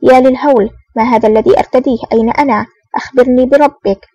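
A woman reads a cunning male spy in a storybook reading, feigning outrage with quick, exclaiming lines. The voice is high, breathy and fast. It sounds dull and distant on a dry recording. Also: fairly even intonation, dark tone, no room sound. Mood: feigned outrage. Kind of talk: audiobook reading.

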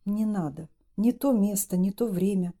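Робкая молодая любовница, тихо и приглушённо, читает женщина. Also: female voice, mid-range voice, moderate pace, lightly acted. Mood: hushed. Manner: quiet, whispering. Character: timid young mistress, hushed.

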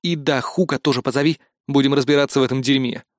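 A man narrating an audiobook in a lively, ironic storytelling manner. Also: medium pitch, fast, no echo. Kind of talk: audiobook reading.

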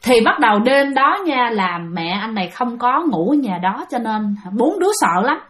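A woman's voice: on the high side, lively intonation, moderate pace, fairly bright tone. A woman telling a ghost story in a chatty way, often addressing her listeners directly.

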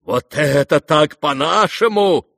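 A man voicing a wild, rowdy young merchant who shouts with boisterous, drawn-out delight. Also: low voice, little pitch movement, vocal fry, husky, dry recording, studio quality, voice pushed down, exaggerated voice. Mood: exultant rowdy.

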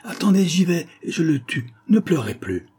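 A bold little boy, eager and brave, whose voice climbs higher and louder as he speaks up, played by a male narrator. The tone stays husky and soft-edged underneath, a child from a storybook. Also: big pitch swings, moderate pace.

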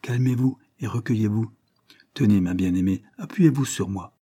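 A dignified husband speaks gently and gravely, as a male reader voices him. His husky voice has a warm, mellow color. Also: mid-range voice, animated, brisk, voice pushed up. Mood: earnest.

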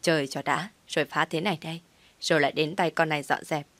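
A woman's voice: deep voice, steady tone, fast, fairly bright tone, no room sound. A woman voicing a bossy, forgetful young wife who scolds her husband. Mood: scolding. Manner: scolding, nagging.

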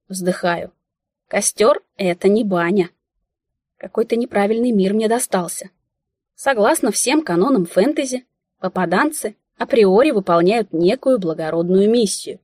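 A woman narrating an audiobook in the first person, ironic and expressive. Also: mid-range voice, normal speed, husky, dry recording, clean studio sound.

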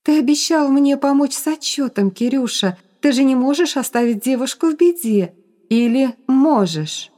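A woman voicing a young woman who poses as a vengeful ghost, speaking in a high, drawn-out voice that turns from coaxing to menacing. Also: expressive, warm tone.

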